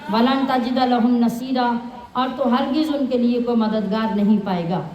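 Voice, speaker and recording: A woman's voice: a little high, fairly even intonation, a little slow, darkish tone, slight background noise. A woman teaching the Quran, reciting Arabic phrases and explaining each one in plain words, often asking her listeners questions. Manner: asks the listeners rhetorical questions. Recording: echoey room.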